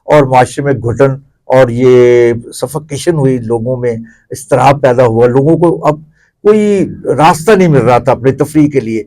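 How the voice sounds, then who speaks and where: Over poor audio, a mellow, medium-pitched man with a Pakistani accent, middle-aged or older, speaks as an interview guest. He's a theatre commentator, and his talk is reflective, discursive and explanatory.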